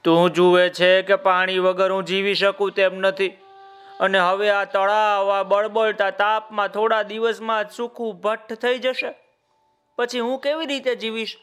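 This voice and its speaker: A man's voice: high-pitched, little pitch movement, a little slow, a bit bright, clean tone. A man voicing a desperate male crocodile in a children's story, begging a farmer for help in a wheedling tone. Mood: pleading. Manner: wheedling, begging and swearing promises. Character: desperate pleading male crocodile stranded in dried pond.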